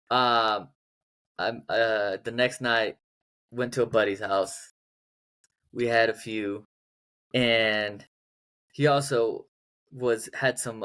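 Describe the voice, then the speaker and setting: A man's voice: fairly low pitch, a bit bright. A young man co-hosting a casual podcast, telling a story in a laid-back, slangy way. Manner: laid-back, slangy, says dude a lot. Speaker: podcast co-host.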